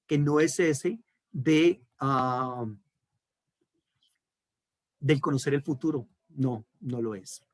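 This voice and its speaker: A man's voice: medium pitch, slow pace, pauses often, no echo, studio quality. A man with a Colombian accent, a pastor teaching a theology class, emphatic and checking in with his listeners often. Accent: Colombian Spanish. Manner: emphatic, checks in with frequent "¿listo?". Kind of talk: online class lecture.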